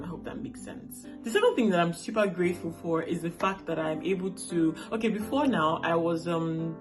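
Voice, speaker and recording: A Nigerian woman in her late twenties, whose first language is Igbo, talks to the camera in a casual, chatty vlog and checks in with her viewers often. Her voice sits low and carries a Nigerian accent.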